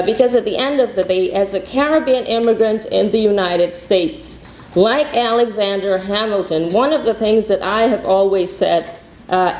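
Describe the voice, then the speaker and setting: A woman's voice: medium pitch, a little mellow. A woman from Guyana giving rousing, repetitive rallying opening remarks as a conference founder. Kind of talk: conference speech. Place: conference hall. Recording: echoey conference hall.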